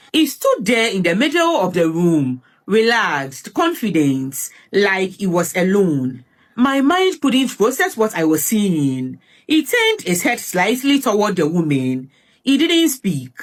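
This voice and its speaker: Sex: woman. Role: narrator. Style: dramatic first-person story narration. Delivery: slow, lively in pitch, fairly low voice.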